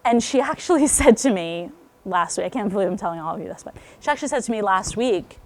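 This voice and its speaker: A middle-aged woman talks frankly with a group of parents in a loose, conversational way. Her speech is full of fillers like "you know", and she sometimes drops to a hushed near whisper for personal asides. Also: medium pitch, lively intonation, fast. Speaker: parenting talk speaker. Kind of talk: parent talk to a live group.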